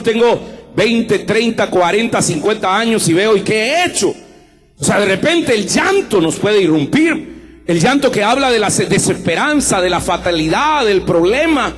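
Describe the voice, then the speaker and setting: A male pastor preaching a sermon, swinging from soft passages to shouted ones and repeating phrases for emphasis. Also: sits high, big-room sound.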